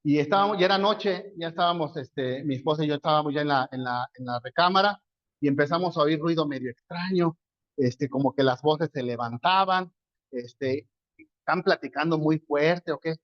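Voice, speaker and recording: High-voiced Mexican pastor preaching. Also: male voice, moderate pace, no room sound, highs cut off. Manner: conversational storytelling, asks and answers his own questions. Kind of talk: sermon.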